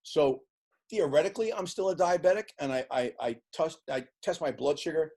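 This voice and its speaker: A man in his sixties, an interview guest who tells lively stories and acts out the voices of the people in them. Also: on the high side, a little fast. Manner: animated storyteller acting out quoted voices. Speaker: interview guest, sports team executive. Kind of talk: casual storytelling in an interview.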